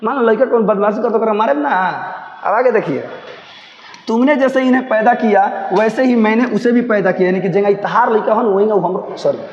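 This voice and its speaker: A man's voice: sits high, a little mellow, roomy sound, long reverb tail, dull audio, slight background noise. A man teaching a story to students, reading lines and explaining them in a Bhojpuri accent. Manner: switches between reading and dialect asides.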